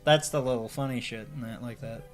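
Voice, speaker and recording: A man's voice: mid-range voice, a little fast, over music. Easygoing male radio co-host. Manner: relaxed, laughs often, keeps the show moving. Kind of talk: casual chat.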